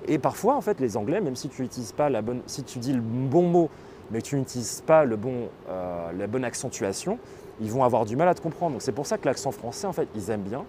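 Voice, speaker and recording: A man hosting a live stream, explaining things casually and pausing often on fillers as he reads and answers chat. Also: medium pitch, big pitch swings, warm tone, slight background noise. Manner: explanatory, hesitant, with many fillers. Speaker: livestream host.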